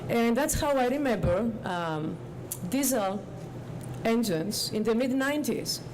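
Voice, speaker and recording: A woman giving an informal public speech as a guest official, in deliberate, halting short phrases. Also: on the high side, lively intonation. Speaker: government agency director, guest speaker. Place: outdoors on a public street. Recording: outdoor street with loud traffic noise. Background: clear traffic noise.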